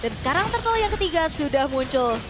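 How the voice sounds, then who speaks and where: A woman's voice: sits high, sing-song, fast, music in the background. A woman with an Indonesian accent, an esports caster, gives flowing, keyed-up analysis of a live match.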